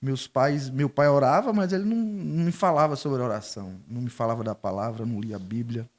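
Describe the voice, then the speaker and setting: A man's voice: mid-range voice, a little fast. Middle-aged man giving a testimony. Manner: storytelling, acting out quoted dialogue. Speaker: guest. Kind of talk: emotional faith testimony.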